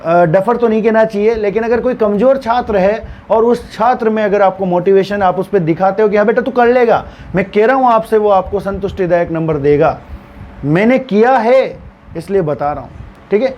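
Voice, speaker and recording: High-voiced man retelling a story in class. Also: normal speed, dull audio. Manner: acts out stammering and dialogue while retelling. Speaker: teacher. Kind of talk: storytelling lesson explanation.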